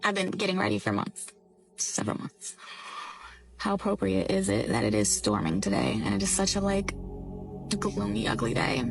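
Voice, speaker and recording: A woman's voice: mid-range voice, gravelly. A woman talking wistfully and chattily to her followers in a vlog.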